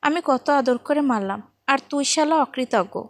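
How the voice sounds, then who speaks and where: Teasing young man in a storybook, read by a woman, mocking banter, high-pitched, cheeky. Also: moderate pace, no echo, close to an everyday voice.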